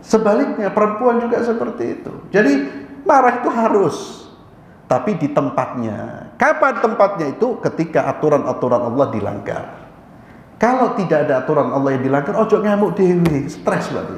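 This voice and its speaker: Male preacher, high and highly animated, rhetorical back-and-forth, echoey mosque hall recording. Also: normal speed. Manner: animated, asks and answers his own questions, addresses listeners as "Pak". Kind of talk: mosque sermon.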